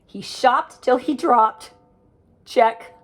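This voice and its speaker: An older woman reads a rhyming picture book to children in a bouncy, sing-song way, pausing to chat about the pictures. Her voice is fairly high and she stretches her words out.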